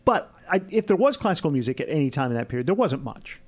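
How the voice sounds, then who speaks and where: A man's voice: on the high side, sing-song, fast. A man interviewing a colleague, asking reflective, leading questions. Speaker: radio interviewer.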